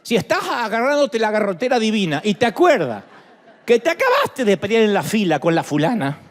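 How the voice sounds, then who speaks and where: A middle-aged Argentine man preaching a sermon, animated and full of playful jokes. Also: high voice, fairly quick. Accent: Argentine Spanish. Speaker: pastor.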